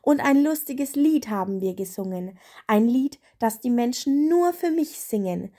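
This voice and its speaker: A woman's voice: a little high, expressive, a little slow, warm tone. Woman doing a cheerful little winter spirit. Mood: earnest.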